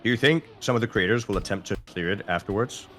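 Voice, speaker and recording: A man co-hosting a live stream, chatting casually in a relaxed, teasing way. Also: fairly low pitch, quick pace, a little hiss or hum. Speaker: guest co-streamer.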